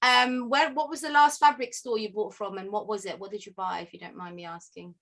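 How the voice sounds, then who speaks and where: A woman hosting a casual interview from her home sewing room over a video call, chatty and quick to laugh. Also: mid-range voice, fairly even intonation, a bit bright. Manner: chatty, laughs often, asks follow-up questions. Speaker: podcast host.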